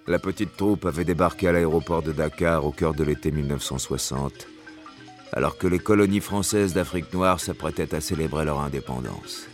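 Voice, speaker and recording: A man's voice: rumbling low, fairly quick, faint music behind. An actor playing a novelist who narrates his adventure tale in literary style for a radio drama. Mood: measured storytelling.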